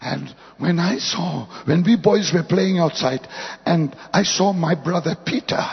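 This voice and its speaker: An older man from Germany, preaching a sermon in short phrases that his interpreter translates, sometimes rising to shouts. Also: on the high side, slow pace, gravelly, husky. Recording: echoey hall, dull sound.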